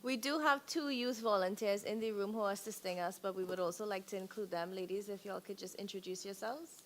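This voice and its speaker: A woman's voice: medium pitch, fairly quick, slight background noise. A woman moderating a meeting and calling on participants in an informal way. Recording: faint room ambience.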